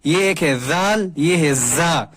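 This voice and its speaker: A man teaching a Quran reading lesson, slowly drawing out and repeating each letter sound and correcting common mispronunciations. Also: on the high side, a bit bright. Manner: corrective, explaining pronunciation.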